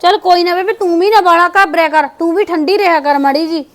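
A soothing, peacemaking grown daughter, played by a woman in a homemade family drama. She pleads gently in a high voice at a brisk pace. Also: steady tone. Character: grown married daughter visiting her mother, peacemaker.

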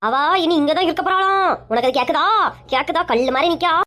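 A middle-aged woman with a Kanyakumari Tamil accent plays a nagging, sharp-tongued mother in a comic family skit. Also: sits high, quick pace, lightly acted. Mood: scolding.

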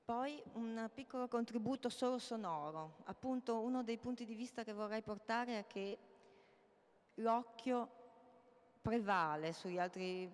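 Brief: middle-aged woman artist, hesitant public talk, smooth clear voice, reverberant hall. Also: on the high side. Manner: halting, with many hesitations. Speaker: artist presenting her projects. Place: large hall, indoors. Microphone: handheld mic. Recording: long reverb of a large hall.

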